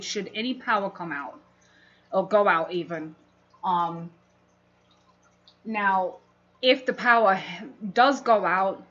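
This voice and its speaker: Her voice sits at medium pitch with a touch of brightness as she casually answers viewers during a livestream. She's a fishkeeping hobbyist from London, England, with a London English accent, heard through dull, muffled audio.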